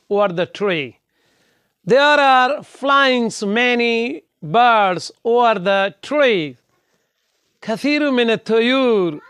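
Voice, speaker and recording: A man's voice: very high-pitched, fairly bright tone, clean tone, no echo. A middle-aged man teaching a vocabulary lesson, patiently repeating words for learners in a fatherly way. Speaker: language teacher.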